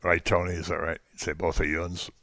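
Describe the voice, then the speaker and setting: A man's voice: deep voice, completely flat delivery, moderate pace, gravelly, bright, forceful tone, no echo. A man teaching an informal Bible class, talking conversationally with frequent ums and jokey asides to the class.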